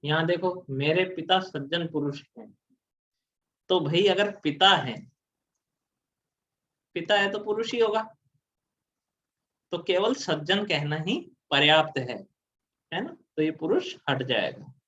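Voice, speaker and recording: Male tutor, somewhat high-pitched, patient explanatory lecture style, muffled low-fidelity audio. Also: expressive, slow, pauses often, a bit bright. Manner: explanatory, asks and answers his own questions. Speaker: teacher. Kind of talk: exam prep grammar lecture.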